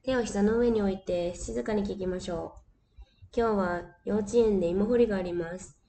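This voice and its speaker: A woman reading a story aloud to children in a calm, clear and gentle way. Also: medium pitch, moderate pace. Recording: distant mic with faint hiss.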